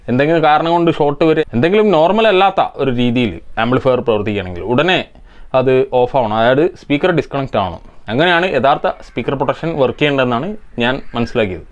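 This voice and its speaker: A man's voice: medium pitch, lively intonation, quick pace, smooth, muffled recording. A man from India hosting an electronics repair channel, answering viewer comments with methodical step-by-step technical explanations.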